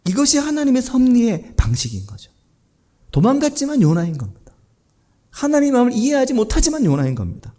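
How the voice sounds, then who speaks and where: A man preaching a Sunday sermon as pastor, posing rhetorical questions and swinging between hushed low asides and raised, emphatic lines. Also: huge pitch swings, fairly quick.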